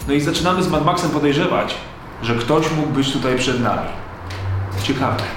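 A man playing an excitable, self-important young urban exploration video maker, animated and overdramatic, in a parody vlog. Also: fairly high pitch, moderate pace, reverberant, background noise, natural voice. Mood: mock intrigue.

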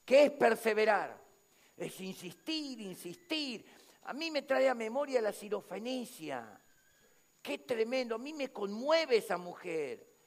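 A Rioplatense pastor preaching a sermon, emphatic and speaking straight to the congregation. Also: male voice, very high-pitched, big pitch swings, measured pace. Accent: Rioplatense Spanish. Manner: emphatic, addresses the congregation directly.

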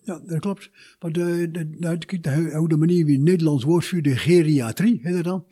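An older man with a Twente Dutch accent, talking in a conversational interview and haltingly repeating words as he searches for phrasing. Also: fairly high pitch, warm tone, breathy edge.

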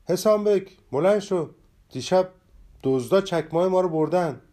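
A grumbling, jealous traveler who is always sorry for himself, as a man narrating a storybook puts him on. His voice is dark and mellow and rises a little above the narration when he whines. He stays a plain storybook voice rather than a full character. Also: medium pitch, lively intonation, natural voice. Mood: alarmed shouting. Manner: complaining, self-pitying.

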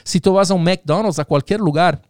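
A man's voice: high voice, fairly quick, darkish tone, no room sound, studio quality. A man with Latin American roots in a casual political discussion, asking rhetorical questions and often restarting his sentences. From Latin American roots, raised in the United States.

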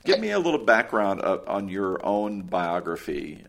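A man hosting an interview who asks measured questions. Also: low voice, sing-song, creaky.

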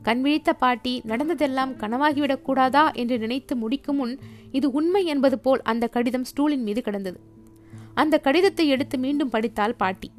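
Female storyteller, high pitch, expressive narration of a short story. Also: normal speed, faint music behind. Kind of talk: reading a short story aloud.

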